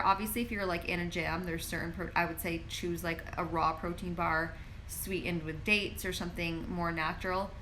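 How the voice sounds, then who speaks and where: A woman pharmacist with a lowish, sharp-toned voice chats through viewer questions on a casual live stream, reading them out and leaning heavily on "like." She's recorded on a phone held in her hand. The audio is poor and carries slight background noise.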